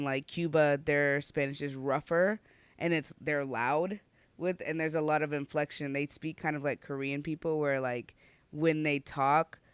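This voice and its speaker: A man on a casual podcast, rambling along with plenty of "like" fillers. His voice is smooth and clear, a touch higher than most, and the sound is dry and close. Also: a bit bright, no echo. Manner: rambling, many "like" fillers, laughs a lot. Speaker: podcast co-host. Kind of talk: casual chat.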